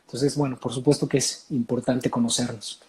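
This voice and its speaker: A man with a Mexican accent, a voice coach talking in an interview, explaining in an animated way with many filler sounds. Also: mid-range voice, a little fast. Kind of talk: casual interview talk.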